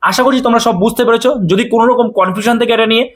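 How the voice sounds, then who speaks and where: A man explains a recruitment notice in a coaching video. His voice sits high and he talks at a rapid clip. He addresses viewers directly and keeps checking that they are following. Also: steady tone, a bit bright. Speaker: coaching teacher.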